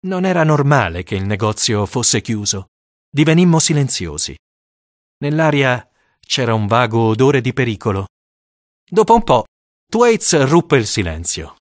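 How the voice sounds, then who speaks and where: A man narrating a first-person story for an audiobook, with dramatic, expressive storytelling. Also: medium pitch, normal speed, no echo, clean studio sound.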